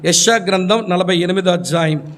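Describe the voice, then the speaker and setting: A preacher delivers a sermon through funny stories full of acted dialogue. He speaks straight to his congregation. His voice sits high for a man. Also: fairly quick, a bit bright. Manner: humorous storytelling with acted dialogue; addresses congregation directly.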